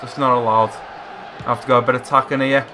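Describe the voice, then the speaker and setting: A man giving excitable live commentary while playing a football video game, shouting encouragement at his players. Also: medium pitch, fast talker, slight background noise. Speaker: gamer playing a football career mode.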